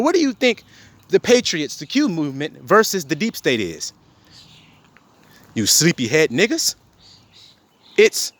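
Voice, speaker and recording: Heavy swearing fills this confrontational rant from a man posing as a preacher, who quotes scripture and keeps firing rhetorical questions at his listeners. His voice is high-pitched and a bit bright.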